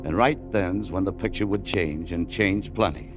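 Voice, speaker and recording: An American actor leads and narrates an old adventure radio drama as a wary, tough gold-seeking adventurer, giving clipped, colloquial first-person lines in a tense, guarded mood. His low, natural male voice holds a normal speed, captured on a muffled vintage 1940s-50s recording with music beneath.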